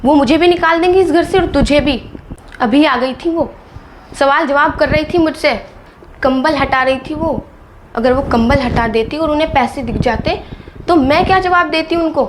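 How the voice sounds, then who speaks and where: Brief: a woman as a high-voiced young daughter-in-law, sharp and indignant, family skit. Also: background noise, close to an everyday voice. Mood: hushed scolding. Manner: indignant scolding, rapid rebukes. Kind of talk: Hindi family drama skit.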